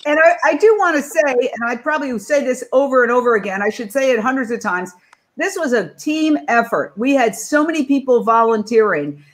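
A middle-aged woman hosts a panel over a video call, her voice sitting a little high. She talks in a chatty way and turns to her guests by name with questions. The sound is a plain webcam call. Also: expressive, brisk. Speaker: panel host.

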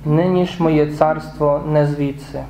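A man reading the words of Jesus on trial in a liturgical Passion reading in church, with a measured, even delivery. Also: a little high, slight background noise. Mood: solemn. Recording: echoey church room.

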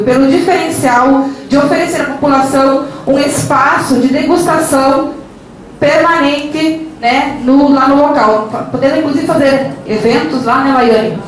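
Young woman emceeing a ceremony, high voice, super echoey room, bit of noise. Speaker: event presenter. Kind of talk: ceremony hosting. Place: large meeting room indoors. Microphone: handheld mic.

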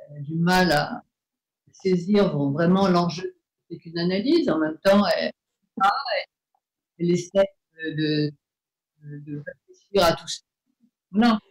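A woman author on a literary panel, talking haltingly and repeating words. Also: fairly low pitch, low-quality recording. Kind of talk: panel discussion.

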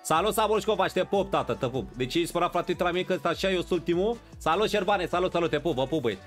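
A man's voice: high-pitched, lively intonation, soft background music. A man streaming a football video game live, bantering with his chat and playing up mock outrage. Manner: banters and greets viewers in chat.

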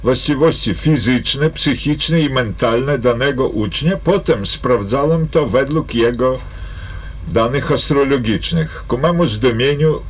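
An older man, a former fishing-school teacher, recalling his methods deliberately with hesitations. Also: mid-range voice, slightly rough.

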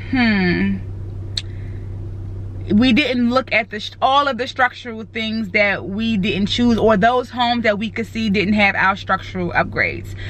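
A woman's voice: a little high, bright, forceful tone, a little hiss or hum. A woman in her thirties chatting casually to her phone camera, rambling with fillers as she talks. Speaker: vlogger. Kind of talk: casual vlog chat. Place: parked car, then an unfinished house. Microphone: phone held at arm's length.

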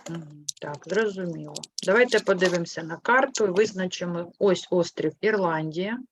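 A woman teaching a primary school class, patient and clear, asking questions and gently correcting her pupils. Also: moderate pace, slight background noise. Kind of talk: online class lesson. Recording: muffled low-fidelity sound.

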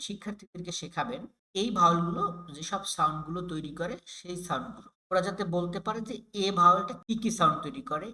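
A teacher from Bangladesh leads an online phonics lesson for primary teachers. The voice is bright and forward at an ordinary pitch. The delivery is patient and explanatory, breaking words into single sounds and repeating each example several times. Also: low-quality recording. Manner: drills sounds slowly, letter by letter, with repeated examples. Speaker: English reading teacher.

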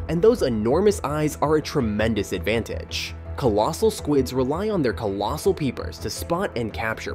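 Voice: mid-range voice, a little mellow. A narrator reading a scripted nature documentary in a dramatic, presentational way. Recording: studio voice-over over music. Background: background music.

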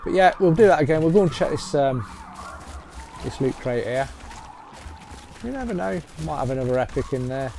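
A gaming channel host rambles loosely through a gameplay walkthrough as he plays, his voice-over laid on the gameplay capture. He has a medium-pitched, steady, brisk voice, with loud game music behind him and slight background noise.

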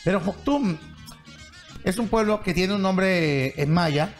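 A man, a comedian co-host, telling a joke on a talk show in an animated, laughing way. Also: high-pitched, slow, soft background music.

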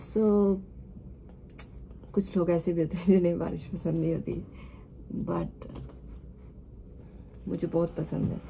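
Woman vlogger, thirties, from Pakistan, confiding travel chat, dark gravelly tone, phone recording with faint hiss. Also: lowish voice, fairly even intonation, takes it slowly, pauses often. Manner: chatty and confiding, mixing in English words. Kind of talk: casual travel vlog to camera. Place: hotel apartment room, indoors. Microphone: phone camera set at a distance.

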